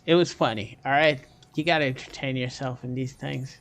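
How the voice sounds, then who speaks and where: In a casual livestream with a little hiss or hum in the background, a man streams a game and rambles jokily to his viewers. His mid-range, somewhat bright voice stays fairly even in intonation and moves briskly.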